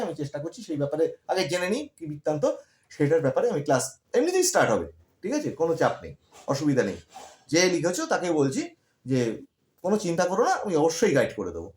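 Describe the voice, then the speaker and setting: A man's voice: on the high side, very animated, racing, a little mellow, reverberant. A man who tutors school students online, giving encouraging study advice and checking in with "ঠিক আছে?" as he repeats his points.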